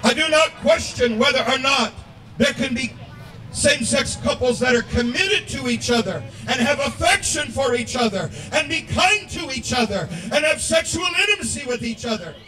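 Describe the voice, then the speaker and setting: A high, bright-voiced man preaching at an outdoor rally and shouting his lines. He sounds distant and echoey, with a crowd murmuring behind him. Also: animated, moderate pace, a little hiss or hum. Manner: shouting, declamatory. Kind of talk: open-air sermon.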